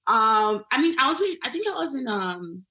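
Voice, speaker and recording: A woman's voice: a little high, very animated, normal speed, bright, forceful tone. Hesitant young woman from Nigeria. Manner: hesitant, many fillers and restarts, laughs often. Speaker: guest artist. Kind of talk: casual interview chat.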